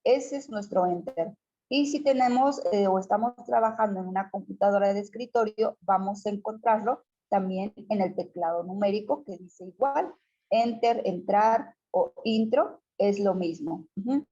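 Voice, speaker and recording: A patient woman teacher explains a keyboard on a shared screen. Her voice is mellow and slightly breathy. The recording is a little muffled. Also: medium pitch, moderate pace. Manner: patient, checks in often with students. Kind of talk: screen-share computer tutorial.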